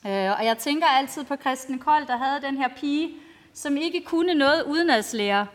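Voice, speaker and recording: A woman's voice: high-pitched, lively intonation. A woman pastor giving a storytelling sermon to a congregation in simple, plainly spoken language. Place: large reverberant church, speaking to a congregation. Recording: long church-like hall reverb.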